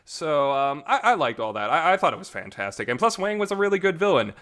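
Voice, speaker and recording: Quick-paced and fairly bright, this man's fairly high voice swings widely in pitch. He hosts a casual visual novel talk show and is giving an informal, enthusiastic and emphatic fan review, recorded with some reverb.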